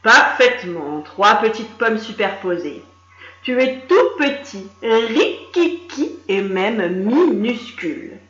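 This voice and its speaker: A woman's voice: mid-range voice, very animated, slow, a bit bright. A woman voicing a grumpy, mean old man from a children's story, scolding and mocking, in a roomy, slightly dull recording. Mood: scornful.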